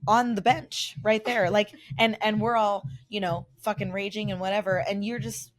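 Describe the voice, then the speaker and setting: A woman's voice: mid-range voice, flat delivery, normal speed. A woman chatting casually in a rambling, sweary way. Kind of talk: casual chat.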